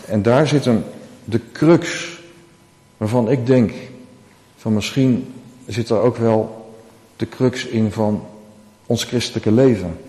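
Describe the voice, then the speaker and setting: Male preacher, mid-pitched mellow voice, earnest sermon delivery, echoey church hall. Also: slow, long pauses. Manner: earnest, acts out quoted dialogue with rising emphasis.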